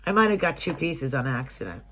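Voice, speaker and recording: Her voice is extremely low yet fairly bright, very animated and brisk, with a little hiss or hum behind it. Stuffy and nasal as though catching a cold, she unboxes a subscription box in a small room at home, reading items and prices from a booklet between chatty asides.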